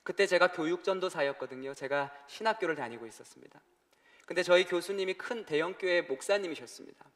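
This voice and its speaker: A man's voice: sits high, fast talker, fairly bright tone. A male pastor telling a personal story in a sermon, acting out phone calls and voices as he goes. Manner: storytelling, acts out calls and his brother's voice. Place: church sanctuary. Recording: church hall reverb.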